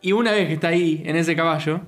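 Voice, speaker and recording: Brief: male co-host, Rioplatense accent, a bit higher voice, muses and gropes for words, faint music behind. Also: fast talker, fairly bright tone. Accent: Rioplatense Spanish. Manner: searching for words, reflective. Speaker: podcast co-host. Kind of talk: casual chat.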